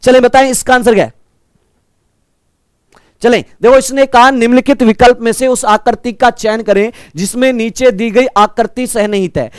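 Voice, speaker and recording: A man with a naturally loud, high voice runs a live online reasoning class for exam prep, speaking energetically, quizzing his students and calling them brother. His tone is steady and his pace moderate. The audio is smooth and close, recorded dry in a dry room.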